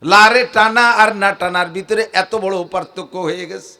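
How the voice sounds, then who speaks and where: তীক্ষ্ণ উঁচু গলার আবেগী বাংলাদেশি পুরুষ বক্তা. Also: male voice, sits high, normal speed, pushed and bright. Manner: impassioned, chanting Arabic verses. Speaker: Islamic preacher. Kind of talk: sermon.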